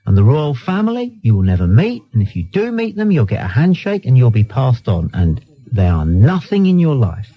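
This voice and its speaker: With huge pitch swings in a mid-range voice at normal speed, a British man hosting a late-night phone-in argues bluntly and dismissively, repeating himself insistently. The radio recording is dull and lo-fi.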